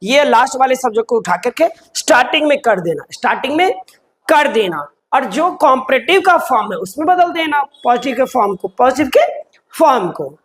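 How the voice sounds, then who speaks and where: A man with a notably high voice teaches a grammar lesson. He poses his own questions and answers them right away. He repeats key terms over and over so they stick. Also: sing-song, brisk, a bit bright. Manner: drills patterns by repeating them. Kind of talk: explanatory online lesson.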